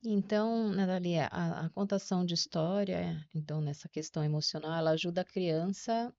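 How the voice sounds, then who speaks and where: A woman hosting a podcast interview, asking questions in a calm, measured way. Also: on the low side, no room sound. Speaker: podcast host. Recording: dry, slightly dull sound.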